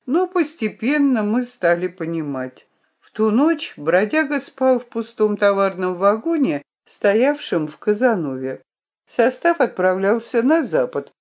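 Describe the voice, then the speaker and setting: A woman reading a first-person audiobook narration in an expressive storytelling manner. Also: fairly high pitch.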